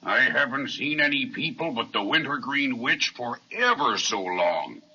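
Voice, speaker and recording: Fee Foo, a bright, swooping gentle giant. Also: male voice, mid-range voice, big pitch swings, measured pace, husky, heavily acted. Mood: kindly. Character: huge, gentle, kindly, weak-eyed giant. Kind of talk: 1930s children's radio serial acting. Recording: dull, band-limited vintage radio recording.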